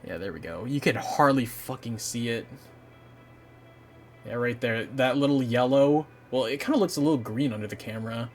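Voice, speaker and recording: Faint game music runs behind a young man who chats on a live stream as he assembles a model kit. He rambles and curses mildly, speaking at a moderate pace in a medium-pitched voice.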